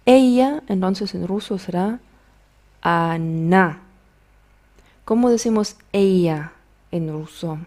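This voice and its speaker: A woman teaching a beginner language video lesson in an unhurried, patient way. Her voice sits a little low and has a mellow, soft tone. She pauses to model each word carefully. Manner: slow, patient drilling of words, modeling pronunciation.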